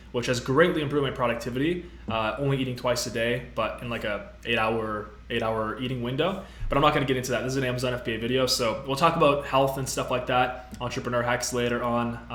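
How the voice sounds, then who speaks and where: A man's voice: medium pitch, fairly bright tone. A man in his twenties hosting a casual live-stream tutorial, upbeat and chatty, with many fillers as he reads out viewer comments. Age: 20s. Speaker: host. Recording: roomy echo.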